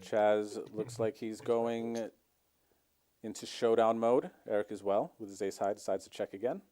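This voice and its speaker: A man's voice: on the low side, moderate pace. A man commentating a live poker stream, walking through each hand play by play. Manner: relaxed play-by-play, explains the hand.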